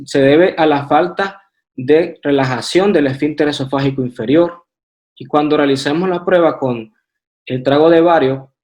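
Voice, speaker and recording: Lecturing on radiology from his slides, a man with a Honduran Spanish accent speaks methodically in a voice on the high side and a little mellow. His delivery includes hesitant fillers and restarts.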